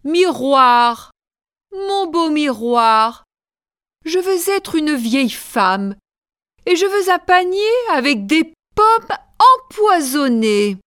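A woman's voice: high voice, very animated, a bit bright, no echo, clean studio sound, heavily acted. A woman voicing a vain wicked queen. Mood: haughty. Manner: slow, carefully articulated storybook reading. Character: vain jealous adult queen, wicked and fierce.

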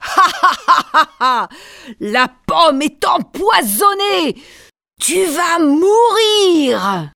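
A woman voicing a vain, jealous, wicked queen in a slowly read storybook. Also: high-pitched, lively intonation, dry recording, clean studio sound, heavily acted. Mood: furious. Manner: slow, carefully articulated storybook reading.

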